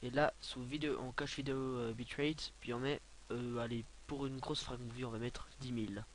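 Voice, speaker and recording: A young man giving a casual, rambling software tutorial, filling his talk with hesitations and offhand asides. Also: mid-range voice, fairly even intonation, normal speed, a little hiss or hum. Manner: rambling, many filler sounds, offhand asides. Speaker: tutorial maker.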